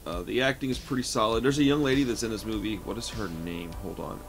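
A man's voice: on the low side, fast talker, soft background music. A man in his late thirties giving a casual, chatty horror movie review from his home, often calling the listener "man". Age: 30s. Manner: relaxed and chatty, says "man" a lot. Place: home room lined with shelves of records and films.

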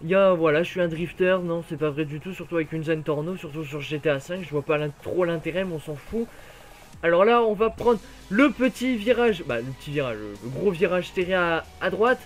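A man giving jokey, excitable play-by-play of a racing game, his voice worn from being ill. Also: on the high side, fairly quick, soft background music. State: voice worn from illness. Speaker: gaming YouTuber.

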